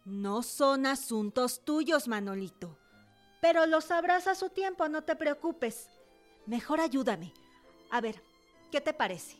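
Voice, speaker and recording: In a radio drama, a woman plays a cultured young revolutionary, her fairly high voice assured, questioning and full of independent-minded resolve. She's animated yet slow, playfully guarded, with soft music behind her.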